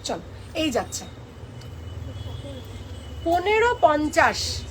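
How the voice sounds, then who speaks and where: Woman, high voice, live-stream sales chat, playful and teasing, code-switching to English. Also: very animated, slow, slight background noise.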